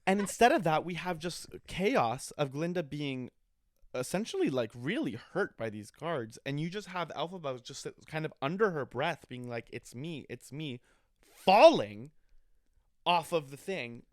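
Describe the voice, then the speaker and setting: Excitable man chatting on a podcast. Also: fairly high pitch, moderate pace, no room sound, clean studio sound. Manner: excitable, talks over partner, many fillers. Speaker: podcast co-host. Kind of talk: casual chat, film review.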